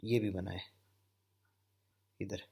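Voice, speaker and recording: Man, trading instructor, husky gravelly voice, patient step-by-step explaining. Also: on the low side, steady tone, slow, darkish tone. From Pakistan. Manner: explanatory, repeats "theek hai" often. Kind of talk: screen-share trading lesson.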